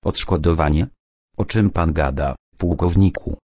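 A man reading a gruff burly father. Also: rumbling low, unhurried, a little mellow, dry recording, studio quality. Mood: blunt. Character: big burly middle-aged father, angry and suspicious.

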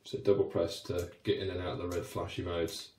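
A deep-voiced man in his thirties talks through a product review in a loose, chatty way, full of fillers and restarts. His voice rings with the echo of a small, hard-walled room. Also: little pitch movement, a little fast, a little mellow. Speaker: cycling light reviewer. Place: small wooden shed, then a home room.

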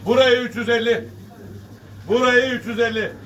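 A man's voice: very high voice, fairly even intonation, normal speed. A man working as a fish auctioneer, calling weights and prices in repeated sing-song calls for bids. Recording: distant mic, noisy market, birds cooing.

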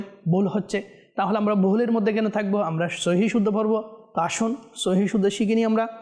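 A man teaching Quran recitation on a television lesson, chanting verses slowly and melodically, then explaining corrections earnestly and repeating them for viewers. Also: high-pitched, darkish tone. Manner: drawn-out melodic recitation between quick explanations.

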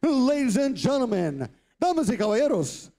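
A man with a very high-pitched voice announces fighters from the ring. His delivery is theatrical and formal, like a lucha libre announcer, stretching out key words and names. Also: big pitch swings, moderate pace, warm tone. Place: boxing ring in a large indoor venue.

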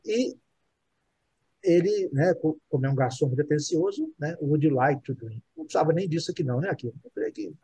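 A man's voice: a little high, lively intonation, brisk, warm tone, husky, no room sound. A man teaching English casually to a group, modeling words and explaining, often checking in with the class.

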